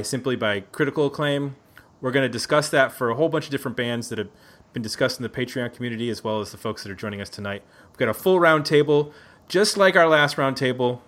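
The voice is a man's, mid-range with a fairly bright tone. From a neighbor's house indoors, this Buffalo-born American hosts a relaxed music podcast round table in a jokey, talkative manner, regularly correcting himself.

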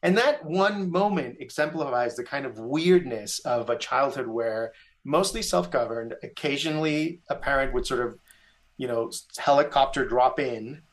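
Animated man telling a personal story. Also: normal speed. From Mexico. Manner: animated, rising pitch on emphasis, self-correcting restarts. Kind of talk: conversational storytelling.

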